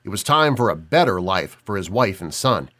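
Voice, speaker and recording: A man narrating a suspense audiobook in a measured, dramatic way, dropping low on key words. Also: sing-song, fairly bright tone.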